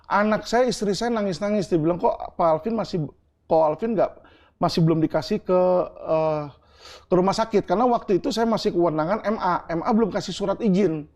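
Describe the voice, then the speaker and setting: A man's voice: high voice, a little fast, a little mellow. A middle-aged man from Indonesia in an interview, answering earnestly and explaining with homely examples and asides like "right?". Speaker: interview guest.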